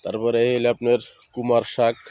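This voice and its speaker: A man's voice: mid-range voice, monotone, brisk, warm tone. A man from Barisal with a Barisal Bengali accent, casually narrating a walk through village fields and explaining local words to viewers. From Barisal, Bangladesh. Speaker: village video host. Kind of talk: casual walking tour narration. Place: outdoors among village fields in the morning.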